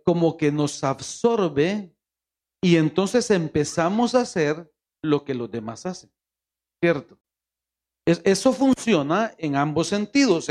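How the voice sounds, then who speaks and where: Fairly high in pitch and darkish in tone, a man from Honduras with a Honduran Spanish accent leads prayer and preaching as a pastor. He pleads, repeating "Señor" in prayer, then turns to the congregation with rhetorical questions.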